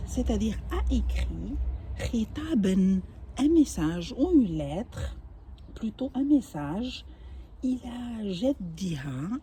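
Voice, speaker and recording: An older woman whose first language is Arabic gives a patient, home-made language lesson, explaining each word with small restarts. Her voice is mid-range and warm, with slight background noise.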